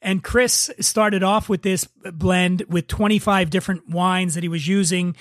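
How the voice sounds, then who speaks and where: A podcast host chats casually about wine, explaining things enthusiastically with the odd swear word. His high-pitched voice is a little slow with fairly even intonation, recorded in studio quality without echo.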